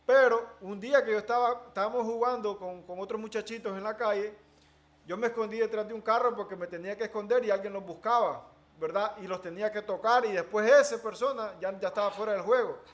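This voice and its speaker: A man talking in a casual conversation as an interviewee, telling animated stories and slipping English words into his speech. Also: high-pitched, fast.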